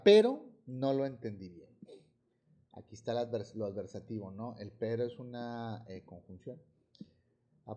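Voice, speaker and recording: Mexican-accented teacher with a mellow voice. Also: male voice, mid-range voice. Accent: Mexican Spanish. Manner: explains with examples, checks understanding with "¿sí?". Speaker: high school teacher. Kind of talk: classroom grammar lesson. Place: classroom.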